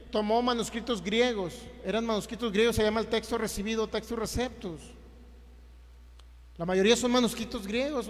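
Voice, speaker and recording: A man's voice: extremely high pitch, big-room sound. A man preaching a Bible teaching, emphatic and repetitive, often putting rhetorical questions to his listeners.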